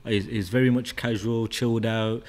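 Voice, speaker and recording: A man's voice: mid-range voice, fairly even intonation, moderate pace, a little mellow. A man, hosting a podcast in an easygoing, casual way. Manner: easygoing, backchannels a lot. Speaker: podcast host. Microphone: desk-mounted broadcast mic.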